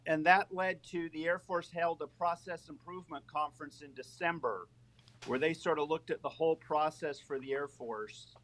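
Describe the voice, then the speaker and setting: Over a phone line in a live panel discussion, a man with a voice on the high side speaks loudly and close into the phone as a military medical official. He explains a process step by step and gives a brief history lesson.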